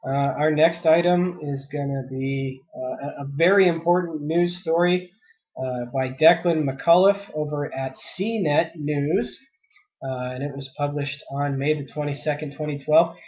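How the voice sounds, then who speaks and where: A man's voice: fairly high pitch, a little slow, a little mellow, lo-fi sound. A man hosting a solo news podcast, reading articles aloud and breaking into indignant commentary with many fillers, sick with a cough.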